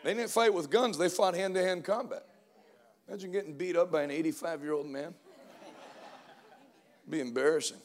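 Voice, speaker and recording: A man in his forties preaching a sermon, energetic and joking, calling out to the congregation for responses. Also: a little high, normal speed, long pauses. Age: 40s. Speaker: pastor.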